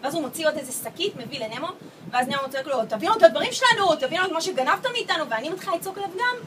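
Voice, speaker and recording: A woman telling a story to a gathering in a casual, animated way, acting out what people said. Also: sits high, background noise. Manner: lively, acts out quoted voices with laughter. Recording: distant mic with loud crowd chatter. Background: crowd of people talking.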